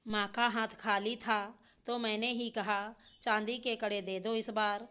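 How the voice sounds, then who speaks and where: A woman's voice: mid-range voice, level tone, a little slow, sharp tone, smooth. A woman voicing a young daughter-in-law and new mother, speaking in a pleading, tearful complaint. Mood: aggrieved.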